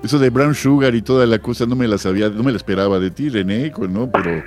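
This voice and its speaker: Devout Mexican radio host. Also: male voice, mid-range voice, quick pace, faint music behind. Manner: warm, devout, animated greetings.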